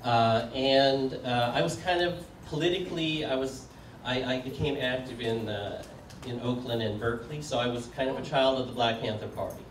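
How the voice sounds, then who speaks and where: A man in his sixties giving a relaxed, joking public talk with plenty of fillers, putting questions to an audience. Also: mid-range voice, normal speed, hardly any pauses. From United States. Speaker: speaker. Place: community meeting room. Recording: echoey room from far off, faint background noise.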